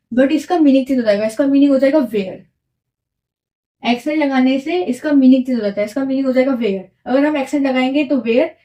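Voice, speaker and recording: High, mellow-voiced woman teaching French. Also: rough recording. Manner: repeats key words with quiz questions; mixes English words into Hindi. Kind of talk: classroom-style lesson explanation.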